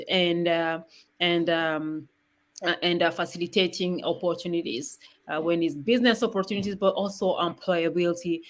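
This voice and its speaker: A middle-aged woman from Rwanda speaking in a webinar, presenting in a halting way with many pauses and restarts. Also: on the low side, fairly bright tone. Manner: frequent fillers and restarts, halting. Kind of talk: hesitant spoken presentation.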